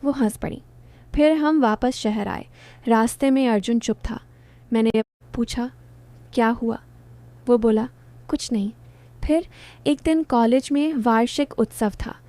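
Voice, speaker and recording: A woman narrating a first-person romantic story in short, gentle sentences. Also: on the high side, a little slow, long pauses, no room sound.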